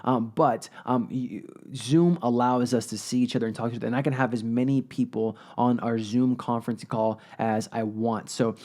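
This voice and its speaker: A man's voice: medium pitch, steady tone, normal speed, few pauses, darkish tone. A man, a youth pastor, giving a casual and playful video sermon to his group, asking them questions as he goes. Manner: conversational, playful, asks the audience questions.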